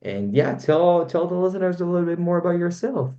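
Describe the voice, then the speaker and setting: Hesitant podcast host with a dull sound. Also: male voice, sits high, expressive, brisk, warm tone. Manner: hesitant, many filler words. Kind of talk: podcast interview.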